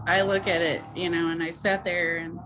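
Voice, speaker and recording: A woman's voice: fairly low pitch, level tone, normal speed, noisy background. A woman chatting casually as an online video creator, modest and somewhat hesitant in how she talks. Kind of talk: casual chat.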